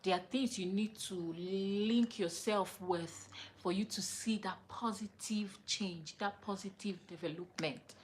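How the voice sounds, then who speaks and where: A woman hosting a livestream, giving a motivational talk in a slow, repetitive, emphatic way with many fillers. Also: medium pitch, slight background noise.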